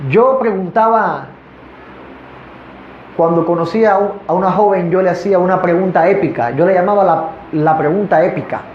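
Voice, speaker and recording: A man with a high-pitched voice preaches a sermon, asking his congregation rhetorical questions. The recording is echoey and dull, with faint noise underneath. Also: normal speed. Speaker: pastor. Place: church in front of a congregation.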